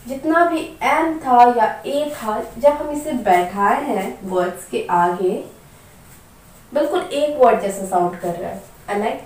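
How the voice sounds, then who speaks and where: A woman teaches grammar at a slow, careful pace, her voice sitting a little high. She repeats each practice word several times and poses questions to her learners. The sound is echoey and a bit distant from the mic, with a faint hiss behind it. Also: lively intonation. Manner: patient, repeats words slowly for practice; asks rhetorical questions. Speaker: English teacher.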